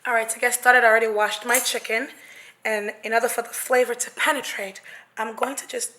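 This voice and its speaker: A young woman from Nigeria runs a casual cooking tutorial in her home kitchen, teasing and cursing for laughs. Her voice is a bit hoarse and comes out bright, with heavy echo off the kitchen walls. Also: on the high side, steady tone, a little fast, slight background noise. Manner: playful, brash, swears jokingly. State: voice partly gone. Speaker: cooking vlogger. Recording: very echoey kitchen.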